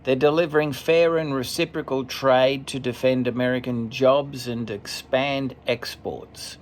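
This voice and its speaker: A man commentating as he reads a list off a screen, steady, with occasional stumbles and asides. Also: medium pitch, measured pace, slight background noise. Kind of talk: reading from a screen, casual commentary.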